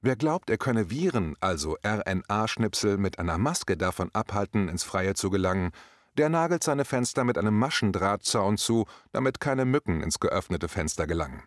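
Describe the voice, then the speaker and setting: A man reading out a scripted commentary in a measured, deliberate way. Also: on the low side, lively intonation, no room sound, clean studio sound.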